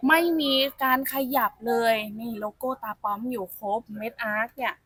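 A woman's voice: fairly high pitch, steady tone, normal speed, a bit bright, slightly rough, no room sound. A young woman giving a chatty used-car sales walkaround, talking familiarly to viewers, apparently recorded outdoors at a car lot. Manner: chatty, addresses viewers as elder sibling.

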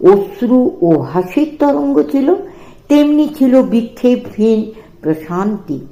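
Female reader, slow reverent devotional reading, gravelly, lo-fi echoey room. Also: on the low side, warm tone. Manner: slow, reverent reading of formal literary prose. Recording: echoey room, dull lo-fi sound.

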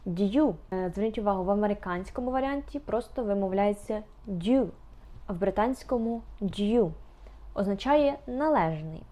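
Mellow-voiced woman teaching English phrases. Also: medium pitch, lively intonation. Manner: slow, careful, repeats phrases, hesitant fillers.

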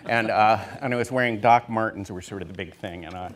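On a theater stage in front of an audience, a production designer in his fifties tells stories into a handheld mic. His voice is on the low side and brisk, and his casual panel anecdotes are full of fillers and restarts.

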